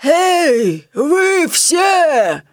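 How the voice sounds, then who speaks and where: A woman voicing an old male basset hound in a storybook, grumbling and gruff but kindly underneath. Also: sing-song, a little mellow, no echo, studio quality. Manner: grumbling, drawn-out. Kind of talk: storybook reading.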